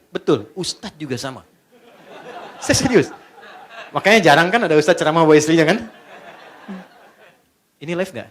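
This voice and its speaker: Animated, joking male preacher. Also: sits high, slight background noise. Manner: jokey, quizzes the audience. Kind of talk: sermon.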